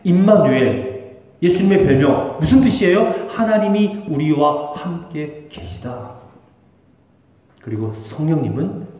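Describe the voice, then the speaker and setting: Male pastor, lively high-pitched preaching, big reverberant church hall picked up from afar. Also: a little slow. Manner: animated, emphatic, rhetorical questions. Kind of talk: sermon. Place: church sanctuary. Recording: echoey church hall from far off.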